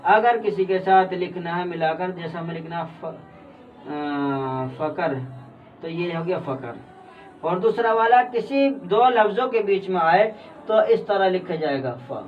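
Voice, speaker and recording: Male teacher, Indian Urdu accent, high voice, off-mic, muffled sound, patient drilling. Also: expressive, recorded from a distance. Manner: patient, repeats letters slowly and loudly. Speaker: Quran reading teacher. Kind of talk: explanatory lesson.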